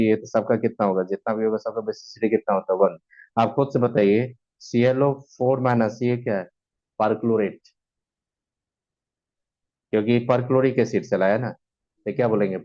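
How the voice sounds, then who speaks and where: A man's voice: on the low side, fairly even intonation, a little fast, dark tone, muffled recording. A man teaching chemistry in mixed with terms, who keeps asking his students questions and answering them himself. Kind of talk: classroom lecture.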